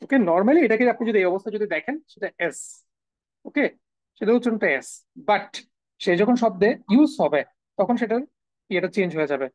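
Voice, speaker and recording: A woman's voice: mid-range voice, expressive, brisk, pauses often, a little mellow, no echo, lo-fi sound. A woman teaching a live online class, repeating each sound several times and answering her own questions. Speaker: German language teacher. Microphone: video call.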